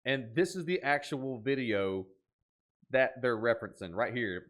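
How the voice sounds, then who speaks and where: Speaking unhurriedly in a medium-pitched voice, a man reacts on video to what he's watching. He keeps it casual but dramatic, with animated exclamations throughout.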